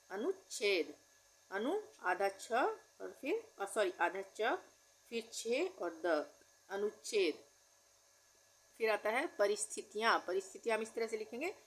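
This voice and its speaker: Patient woman teaching Hindi words slowly. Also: medium pitch. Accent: Indian. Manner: patient, drawn-out word-by-word pronunciation. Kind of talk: slow spelling-out lesson.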